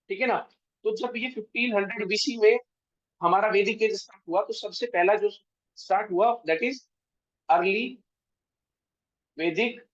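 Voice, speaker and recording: Indian male teacher, high voice. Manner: mixes Hindi and English, checks in with frequent tag questions. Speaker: history teacher. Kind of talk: online exam-prep lecture. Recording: dull, dry lo-fi sound.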